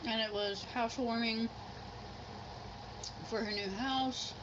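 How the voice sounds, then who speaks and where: A woman's voice: fairly high pitch, steady tone, slow. A middle-aged woman chatting casually and ramblingly in an eating vlog, sounding unsure of herself. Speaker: mukbang vlogger. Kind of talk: casual chat while eating. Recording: muffled sound with clear background noise.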